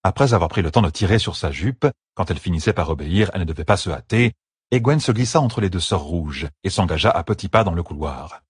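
An audiobook narrator with a husky, low male voice reads a scripted fantasy story in a measured, expressive way. The studio sound is clean, with no room sound.

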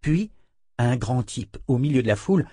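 A man narrating a French fantasy audiobook in a calm, measured storytelling voice on a close mic. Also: mid-range voice, breathy edge, no room sound.

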